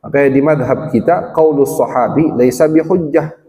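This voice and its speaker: A man's voice: fairly high pitch, mellow. A male religious teacher giving a study lecture, quoting Arabic passages and explaining each in plain terms. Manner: explains slowly, quotes Arabic text then translates. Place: village gathering hall. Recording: long hall reverb.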